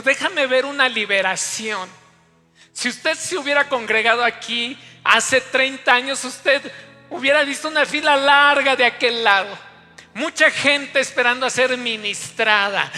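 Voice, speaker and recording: A man's voice: very high-pitched, bright, forceful tone. A man, preaching a sermon as pastor and telling a story straight to the congregation. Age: 50s. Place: church hall. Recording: long church hall reverb, faint music.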